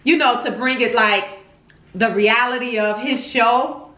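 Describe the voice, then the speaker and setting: Female mukbang host, higher-pitched, casual and expressive, chewing while talking, roomy home sound. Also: a little slow. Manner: chatty, expressive, repeats words for emphasis. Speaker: vlog host. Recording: roomy, echoey home recording.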